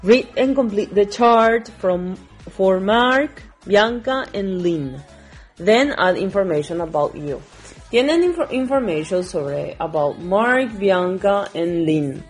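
A woman's voice: medium pitch, lively intonation, takes it slowly, husky, faint music behind. A woman teaching English and walking students through worksheet exercises with patient, step-by-step explanations that mix Spanish and English. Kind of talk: recorded classroom lesson explaining worksheet exercises.

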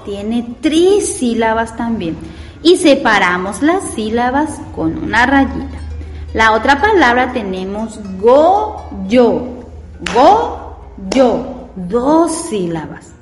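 Her voice on the high side and sing-song, a woman leads a slow reading and spelling lesson for children, patiently sounding out syllables and posing simple questions to the class. Long reverb fills the echoey room, with faint music in the background.

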